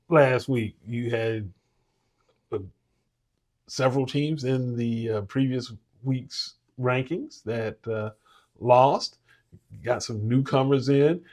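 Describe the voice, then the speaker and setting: Slow, hesitant man talking sports. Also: mid-range voice, expressive. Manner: unhurried, hesitant with fillers. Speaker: podcast co-host ranking high school teams. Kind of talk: casual sports talk.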